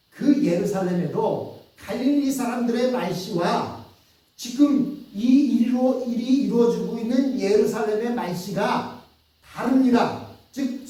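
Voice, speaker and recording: Male pastor, Chungcheong accent, Sunday sermon, storytelling, questions to the pews, dark tone, very echoey church. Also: very high voice. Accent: Chungcheong Korean. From Chungcheong, South Korea. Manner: storytelling, asking the congregation questions. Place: church sanctuary. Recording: echoey church hall from far off.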